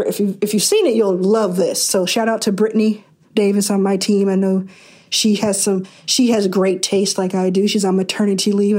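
A woman podcast host with a mellow, warm tone, chatting in a casual, excited way. She sounds a little out of breath and keeps tripping over her own words, restarting sentences as she goes. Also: mid-range voice. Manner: excited, restarts often, laughs. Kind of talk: casual podcast intro and interview.

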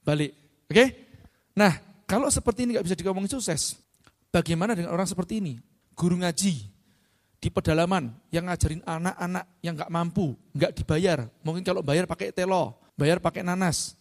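A middle-aged man Indonesia, giving a lively motivational talk to a live audience and often asking them questions. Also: high voice, normal speed. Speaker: speaker at an event. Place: large hall. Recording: long hall reverb.

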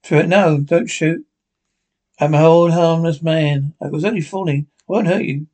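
A man's voice: on the high side, normal speed, a little mellow, lightly acted. A man playing a murderous old man in a horror radio play, with a menacing, theatrical delivery. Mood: pleading. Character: gloating murderous old man, panicking when trapped.

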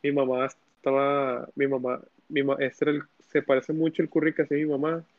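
A man's voice: mid-range voice, little pitch movement, a little fast, no echo. A young man, co-hosting a casual podcast, rambling through long recaps with frequent restarts. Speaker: podcast co-host. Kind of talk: casual chat. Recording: dry, dull lo-fi sound.

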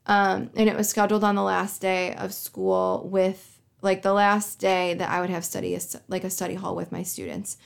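Young woman podcasting, sarcastic and dramatic, bit of vocal fry. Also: mid-range voice, flat delivery, normal speed. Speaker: podcast host. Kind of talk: casual monologue.

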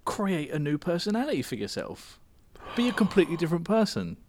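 British man riffing, highly varied pitch. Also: big pitch swings, fairly quick, darkish tone, a little hiss or hum. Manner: playful, riffing on absurd ideas. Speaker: podcast co-host. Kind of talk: casual comic banter.

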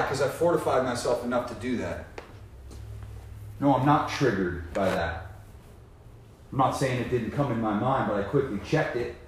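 A man giving a profane, impassioned motivational talk about sobriety, dropping from low muttering to loud emphatic preaching in casual slang. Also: slight background noise. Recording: very echoey room.

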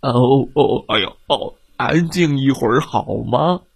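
A man voicing a big clumsy cartoon bear doctor, bewildered groaning and mumbling, slow and breathy, in a storybook tale. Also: medium pitch, expressive, dry recording, exaggerated voice.

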